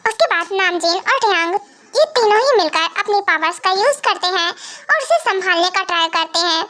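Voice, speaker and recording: A woman's voice: very high voice, expressive, normal speed, pushed and bright. A woman narrating a fan voice drama in plain storytelling.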